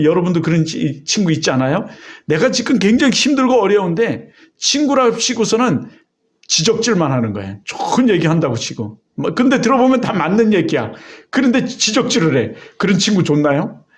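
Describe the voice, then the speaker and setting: A man's voice: sing-song, a little fast. A man pastor preaching a sermon, telling a personal story with emotion and exhorting his congregation. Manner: emotional storytelling with vivid retold dialogue; exhorting and rising in pitch on key points.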